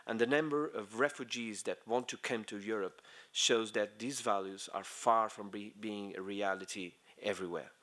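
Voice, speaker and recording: Halting Portuguese-accented man giving a speech. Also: fairly low pitch, a bit bright. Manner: halting, many fillers and restarts. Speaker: conference speaker. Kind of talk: conference speech.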